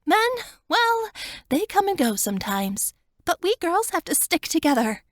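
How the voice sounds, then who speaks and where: Her voice pushed very high into a full character voice, a woman performs Wanda, a tearful, devoted young woman emotionally pleading with a friend, well above the narrator's own register. Pitch swings widely at a measured pace, recorded dry and clean in a studio.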